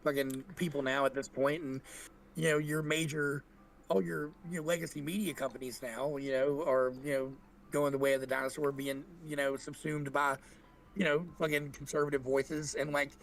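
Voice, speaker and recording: A young man with a fairly high voice and a gravelly edge talks in a casual podcast chat. He rants, heats up and swears constantly, with a faint hum of room ambience underneath. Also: level tone, moderate pace. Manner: profane, ranting, heated. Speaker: podcast co-host.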